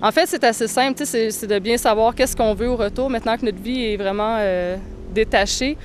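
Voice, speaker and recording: A young woman, answering interview questions thoughtfully, with frequent pauses. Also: on the high side, slight background noise. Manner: thoughtful, hesitant, many pauses. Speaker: touring cyclist interviewee.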